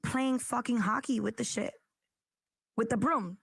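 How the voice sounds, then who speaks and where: Lively, profane woman telling a story. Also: a little high, unhurried, gravelly, slightly rough, no room sound. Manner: profane, lively storyteller, acts out quoted voices. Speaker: podcast co-host. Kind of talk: animated storytelling on a podcast.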